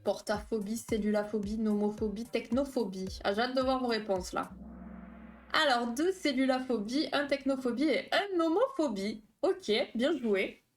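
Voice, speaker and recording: A woman's voice: a little high, moderate pace, faint music behind. A woman therapist hosting a live stream, explaining phobias in a chatty, casual way with many fillers and asides to her chat.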